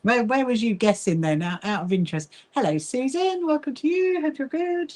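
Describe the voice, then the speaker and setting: Sewing on camera, a chatty English woman hosts a quilting association's livestream, welcoming viewers and responding to what they write. She's from the south coast and speaks with a Kentish-Sussex lilt in a fairly high, slightly mellow voice, with lively intonation at normal speed.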